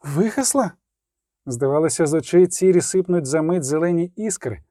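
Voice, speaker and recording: A man reading an audiobook in scripted narration, expressive and doing the characters' voices. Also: a little high, brisk, no echo, studio quality.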